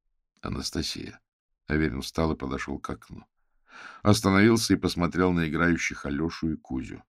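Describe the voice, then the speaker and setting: A man narrating an audiobook in a measured storytelling manner. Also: very deep voice, dry recording, studio quality. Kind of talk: scripted narration.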